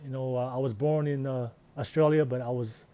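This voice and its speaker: A man's voice: medium pitch, fairly even intonation, a little fast, dark tone. A man, talking earnestly and reflectively in a casual personal vlog. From Tonga. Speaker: vlogger.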